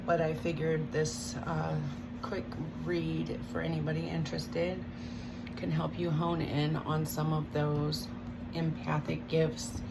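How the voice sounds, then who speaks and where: Low, gravelly woman chewing gum as she talks. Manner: chewing gum while talking. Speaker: tarot reader. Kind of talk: casual spiritual guidance talk. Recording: loud background noise.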